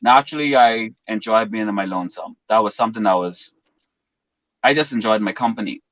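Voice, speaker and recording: Brisk and fairly bright in tone, this young Bahamian man's low-leaning voice comes through a dry, rough recording. He's a guest in his twenties on a reflective interview, explaining things at length in a winding, earnest, philosophical manner.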